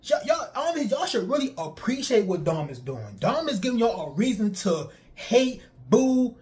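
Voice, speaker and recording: A young man, riffing on pro wrestling for his stream chat in an animated, repetitive way. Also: extremely high pitch, normal speed. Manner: animated, repetitive, talks straight to viewers. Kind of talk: casual streamed commentary to chat.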